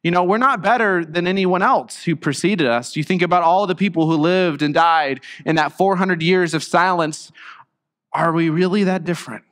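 A man's voice: sits high, normal speed, a bit bright, big-room sound. A middle-aged male pastor preaching a conversational sermon, his voice recovering after being lost. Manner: earnest, conversational preaching with restarts. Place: church sanctuary.

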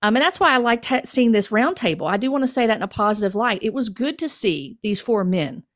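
A woman's voice: on the high side, lively intonation, fairly quick, fairly bright tone, no room sound, clean studio sound. A woman co-hosting a casual theological discussion, speaking earnestly and often restarting her sentences. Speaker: podcast co-host.

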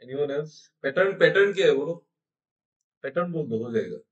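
A young male teacher with a slightly high voice runs an online exam-prep math class. He switches between Hindi and English, explains each step and keeps asking his students questions. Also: animated, moderate pace, muffled recording.

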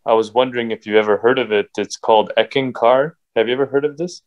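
A young man from Bulgaria on a video call, asking questions calmly and inquisitively. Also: medium pitch, quick pace, dull audio. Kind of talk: casual video call discussion. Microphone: laptop webcam on video call.

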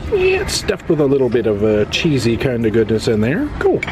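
Chatty man vlogging over loud music. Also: mid-range voice, huge pitch swings, fairly quick. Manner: chatty, playful, lists food items aloud. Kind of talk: casual travel vlog narration. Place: cruise ship buffet, decks and theater. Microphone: handheld camera.

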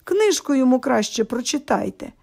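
A woman's voice: high-pitched, big pitch swings, brisk, vocal fry, a little mellow, exaggerated voice. A woman voicing a grumpy middle-aged man in a bathrobe who scolds the children indignantly, reading a storybook aloud. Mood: scolding.

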